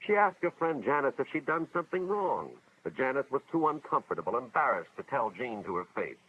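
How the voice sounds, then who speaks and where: With a mid-range voice and a slightly fast delivery, an American man lightly acts the part of an earnest school official narrating a 1950s educational film. His storytelling is very animated, dramatic and moralizing. There's a little hiss or hum, and music plays behind the dull vintage soundtrack.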